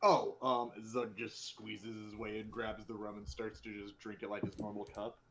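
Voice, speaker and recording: A man playing a tabletop role-playing game, improvising his character casually and haltingly, often repeating words. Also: fairly low pitch, level tone, noisy background.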